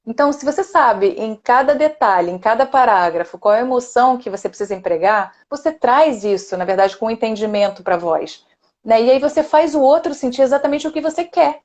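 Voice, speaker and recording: A woman's voice: fairly high pitch, animated, brisk. A middle-aged woman hosting a casual online live chat as a speech therapist, enthusiastic and chatty, often tagging sentences with a questioning "né". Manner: warm, enthusiastic, many "né?" tags.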